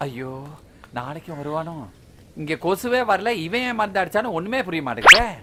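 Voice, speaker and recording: A man's voice: sits high, expressive, a little fast, slight background noise, exaggerated voice. A panicky comic father. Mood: grumbling. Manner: exaggerated comic wailing. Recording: film soundtrack with loud music behind.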